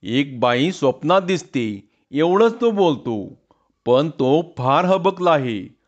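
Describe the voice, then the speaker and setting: A man's voice: fairly high pitch, very animated, slow, dull audio, full character voice. A man voicing a gossipy village schoolmaster who recounts the news at length. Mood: telling.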